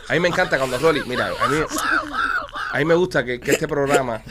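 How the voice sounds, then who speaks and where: Fast-talking joking male podcast host. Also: mid-range voice, very noisy. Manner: teasing, quick and joking. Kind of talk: casual podcast banter.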